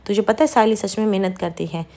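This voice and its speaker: A woman's voice: medium pitch, brisk, a little mellow, lightly acted. A woman voicing a stern older father of the household from a TV serial, who reproves the family.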